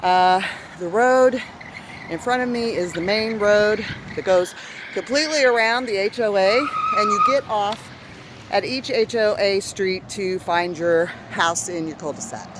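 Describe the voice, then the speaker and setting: A woman's voice: mid-range voice, noisy background. Out-of-breath woman chatting on a walk. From Arizona. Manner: chatty, self-encouraging, breathy pauses between phrases. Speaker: vlogger. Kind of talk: casual vlog narration while walking. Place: outdoors on a neighborhood street. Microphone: handheld phone camera.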